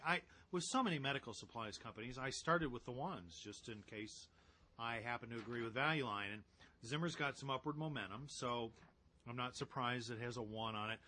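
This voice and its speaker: A man co-hosting a casual financial talk show, who talks through stock figures in a measured way and thinks aloud as he goes. His voice has a bright, forceful edge. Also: medium pitch. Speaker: value-investing co-host.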